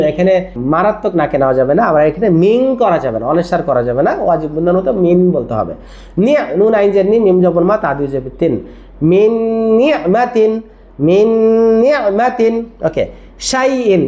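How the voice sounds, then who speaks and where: The sound is dull, carrying a dark, medium-pitched voice as the teacher works through a tajweed lesson. Words are broken down letter by letter and drilled, with many check-in questions along the way.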